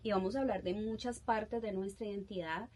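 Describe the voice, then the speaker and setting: Lady podcast host, encouraging, lots of eh's, mid pitch. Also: steady tone, fairly quick. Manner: warm, affirming, frequent fillers. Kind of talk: interview.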